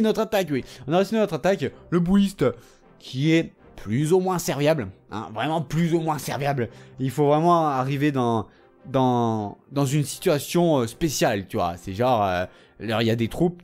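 A tired man casually commenting on his own game, excitable and talking to himself and his opponent. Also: a little high. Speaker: gaming video host.

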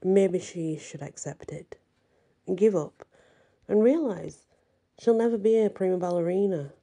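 A woman voicing a cold, disdainful older male ballet master in a soft ASMR story, with clipped, stern delivery. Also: fairly low pitch, animated, measured pace.

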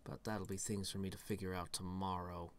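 A man's voice: sits low, flat delivery, a little fast. A man giving let's-play commentary, thinking aloud in a rambling way with dry, self-mocking humour. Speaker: gaming channel host.

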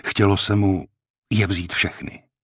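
Male audiobook reader, very low voice, dry close studio sound, measured delivery. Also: breathy edge, no echo. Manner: measured, even storytelling. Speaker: audiobook narrator. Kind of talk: scripted audiobook narration. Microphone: close studio mic.

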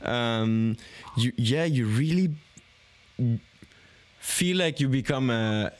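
A man's voice: mid-range voice, lively intonation, slow. A young man in his twenties hosting a podcast from a small home studio, talking thoughtfully and often searching for words. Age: 20s. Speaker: podcast host. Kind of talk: casual podcast conversation. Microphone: studio microphone on an arm, headphones on.

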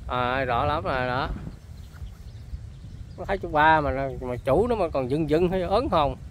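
Out in the rural countryside by buffalo and water, a chatty man with a Southern Vietnamese accent vlogs on location, addressing his viewers as folks again and again. His voice is fairly high with lively intonation and an unhurried pace, and there's a little hiss or hum.

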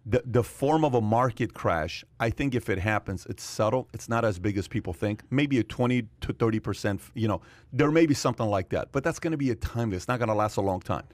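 A man's voice: fairly low pitch, a little fast, a little mellow, no echo. Emphatic man hosting a studio podcast. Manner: emphatic, repeats phrases, talks with his hands. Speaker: podcast host. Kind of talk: animated casual discussion. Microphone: studio mic on boom arm, wearing headphones. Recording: dry close-miked studio sound.

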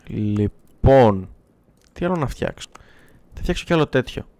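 Man, gaming livestreamer, casual and chatty, self-mocking, swears, mid pitch. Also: lively intonation, warm tone. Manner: chatty, self-mocking, swears, talks back to chat and the game. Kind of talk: casual live gameplay chat.

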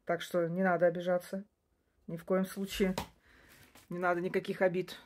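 A little hiss or hum sits under this lowish, darkish voice, which moves little in pitch and keeps a normal speed. The speaker is a woman in her forties, a native Russian speaker and social media creator, talking casually to her phone camera up close in a small indoor room. Her delivery rambles, with frequent restarts and quick laughs.

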